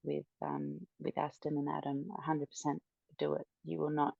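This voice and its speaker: A woman appearing as a podcast guest, speaking hesitantly with many pauses and fillers as she shares her experience of coaching. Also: sits low, monotone, gravelly, dry recording, muffled recording. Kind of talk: podcast interview testimonial.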